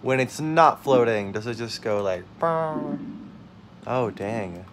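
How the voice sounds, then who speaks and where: Slow-talking man reacting to gameplay. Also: fairly low pitch, background noise. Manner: excitable, yelps and laughs at mishaps. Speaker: let's play host. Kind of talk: casual gameplay commentary.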